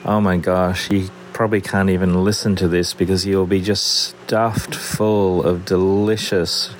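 A man's voice: low-pitched, little pitch movement, a little slow, a little hiss or hum. A man with an Australian accent leaving a rambling, chatty voice message that is played back on a show, thinking aloud as he browses. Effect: recorded voice message played on the show. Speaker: listener calling in. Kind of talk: casual voicemail chat.

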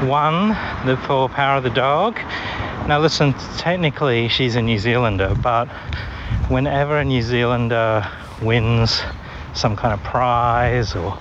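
Australian man's voicemail, traffic roaring behind. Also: medium pitch. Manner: wry, teasing. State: tired from walking. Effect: voicemail message played back. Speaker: listener leaving a voicemail. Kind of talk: casual joking chat. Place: outdoors, walking home beside traffic. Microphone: phone. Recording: dull voicemail with loud traffic noise. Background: street and vehicle noise.

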